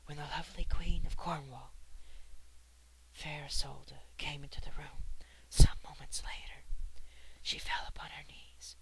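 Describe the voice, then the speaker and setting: A storyteller reading old legends in a soft ASMR whisper, breathless, with chatty asides full of fillers. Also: medium pitch, steady tone, measured pace, creaky, poor audio.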